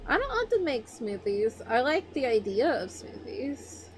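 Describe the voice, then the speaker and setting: A young woman streaming as a VTuber chats casually, rambling playfully and chasing excited little tangents. Her voice is high and her pace measured, with faint music behind her.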